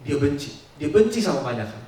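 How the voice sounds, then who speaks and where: A male pastor telling a story in a sermon, with a dramatic delivery that swings between loud and soft. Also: on the high side, very animated, brisk. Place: large church hall. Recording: echoey church hall, mic at distance.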